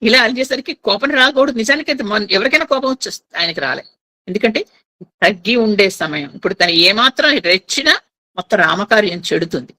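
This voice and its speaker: A woman storyteller retelling an epic tale, speaking directly to her listeners and pausing to explain. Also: mid-range voice, animated, pushed and bright, rough recording.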